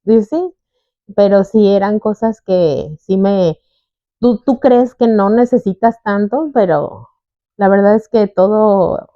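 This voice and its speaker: Here the same kind of guest, a young adult woman, shares her testimony conversationally and slowly, her mid-range voice captured in lo-fi sound with no echo. She animatedly performs the voices of those she quotes while recounting her story in the interview.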